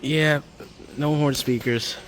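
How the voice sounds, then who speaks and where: This man's voice sits fairly high, with fairly even intonation, and he takes his time. He's a vlogger narrating casually as he films inside a big hardware store, where store music plays and there's slight background noise.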